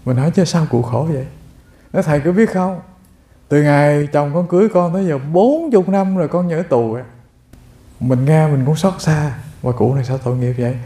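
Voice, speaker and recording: A man's voice: fairly high pitch, fairly quick, warm tone. Man, Buddhist sermon, storytelling, speaks to listeners, roomy echo. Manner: addresses listeners directly, storytelling. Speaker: monk giving a Dharma talk. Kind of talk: sermon with told stories.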